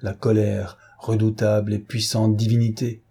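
A man voicing a fierce, wrathful sea captain recounting his ordeal in a measured, intense first-person telling. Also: fairly low pitch, little pitch movement, creaky, mellow, husky. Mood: grim.

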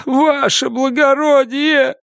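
A man voicing a humble male convict who pleads for mercy in a wailing, high-pitched voice. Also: fairly even intonation, slow, gravelly, a bit bright, no room sound, clean studio sound, exaggerated voice. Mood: pleading.

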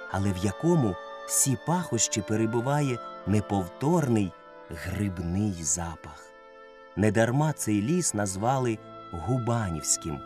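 A man narrating a children's story as an audiobook, reading in a lively, expressive way. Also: on the low side.

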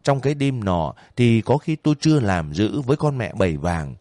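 A man narrating a first-person novel as an audiobook in a calm, steady manner. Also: mid-range voice, moderate pace, dry recording, studio quality.

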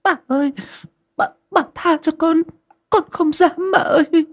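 A man's voice: very high voice, a little slow, voice pushed up. A man voicing a poor young servant woman who stammers and begs through tears. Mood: tearful pleading. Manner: stammering, begging. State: crying. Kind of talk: audio folk story narration.

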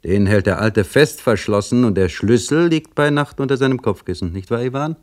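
A man reading a story, voicing a bitter, sly male livery servant who grumbles loudly and mocks. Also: mid-range voice, normal speed, voice pushed up, lightly acted. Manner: loud, complaining and mocking.

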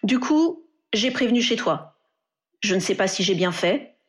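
A woman voicing an easygoing, fatherly male colleague, relaxed and friendly. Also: medium pitch, measured pace, natural voice.

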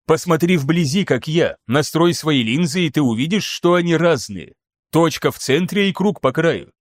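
A man voicing an excitable, theatrical male scholar who lectures insistently in an audiobook. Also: on the high side, normal speed, no room sound, clean studio sound. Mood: lecturing excitedly. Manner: animated, insistent, showy.

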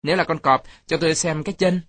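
A man's voice: a little high, steady tone, fast, fairly bright tone, no room sound, voice pushed up, natural voice. A man voicing a strong, jovial grown man who teases a child in a storybook reading. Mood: teasing. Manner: teasing, playful.

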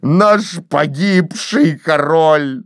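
A woman reading an audiobook, voicing an embittered middle-aged man with a hoarse voice and slow, heavy outbursts. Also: rumbling low, big pitch swings, no echo, studio quality, pitched below the performer's own voice, heavily acted. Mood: grieving.

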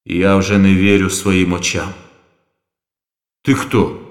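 A man's voice: sits low, flat delivery, takes it slowly, echoey room. A man voicing a paranoid, foul-mouthed ageing male president who barks coarse orders. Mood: weary. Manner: coarse, swearing, barking orders.

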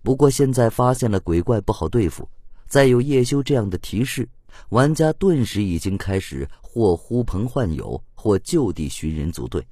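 A man reads a novel aloud in scripted audiobook narration with an expressive storytelling manner. His voice sits low but moves a lot in pitch, and the recording is close and dry. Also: normal speed, no echo.

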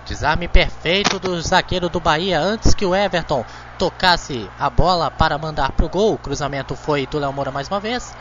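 A man's voice: fairly high pitch, moderate pace, fairly bright tone, slight background noise. A man with a Brazilian accent reporting in live radio football commentary. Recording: dull lo-fi feed, music behind.

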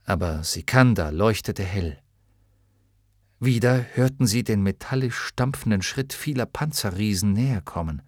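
A man's voice: on the low side, animated, a little slow, darkish tone, no room sound. A man narrating a fantasy audiobook in a studio, telling the story expressively. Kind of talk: scripted narration.

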